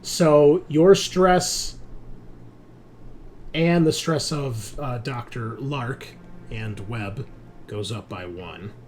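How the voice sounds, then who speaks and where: Drawing out his words and leaving long pauses, a man with a medium-pitched, darkish voice acts as game master for a tabletop roleplaying session. He alternates between chatty rulings and improvised narration, with clear background noise in the recording.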